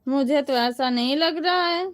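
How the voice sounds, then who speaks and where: A woman with a high voice chats casually on a live stream from home. She talks to viewers in a teasing, friendly way, calling them brother. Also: moderate pace.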